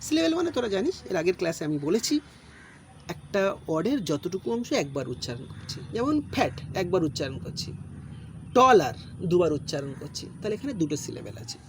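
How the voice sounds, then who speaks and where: Lively patient grammar teacher. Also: male voice, high-pitched. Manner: patient, repeats and explains each rule slowly. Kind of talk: recorded online lesson. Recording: faint background noise.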